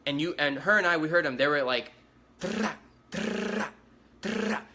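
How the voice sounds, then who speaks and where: A man's voice: a little high, fast talker, background noise. A man giving a spoken eyewitness account, talking urgently, repeating himself and restarting his sentences. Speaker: eyewitness survivor.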